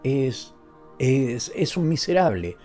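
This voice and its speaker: A man's voice: medium pitch, very animated, takes it slowly, warm tone, soft background music. A man voicing a tearful young bride. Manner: pleading, tearful. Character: distraught young bride, woman.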